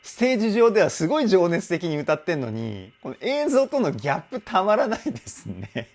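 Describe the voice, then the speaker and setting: Lively Japanese-speaking vocal coach man. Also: sits high, a little fast. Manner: animated, enthusiastic explaining. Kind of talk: song reaction and vocal analysis. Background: faint music from the song being analyzed.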